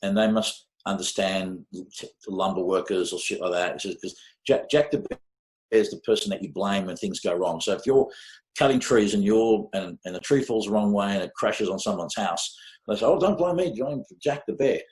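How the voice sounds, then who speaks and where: Here the Australian mastering engineer, in his fifties, talks in a low, darkish voice at an ordinary pace. As a podcast guest in a relaxed interview, he rambles and hesitates through his stories, swearing casually and filling gaps, all in an echoey room.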